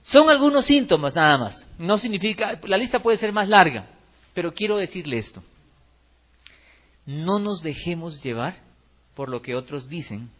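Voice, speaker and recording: A man with a Colombian accent preaching a lively sermon in a church hall, acting out quotes and tossing rhetorical questions to the congregation. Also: a little high. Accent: Colombian Spanish. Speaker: pastor.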